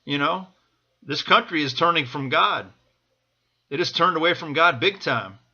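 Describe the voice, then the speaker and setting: Forceful, urgent man giving a political pep talk. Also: fairly high pitch, expressive, normal speed, slightly rough, highs cut off. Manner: urgent, exhorting, repeating phrases. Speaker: political supporter vlogger. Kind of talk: impassioned off-the-cuff political pep talk to camera.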